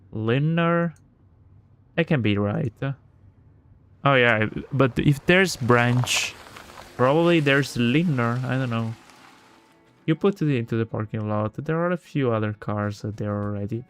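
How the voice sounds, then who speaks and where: An Italian man, native speaker of Italian, reads a visual novel aloud on stream and talks with his viewers, full of fillers and restarts. His voice is smooth and medium in pitch.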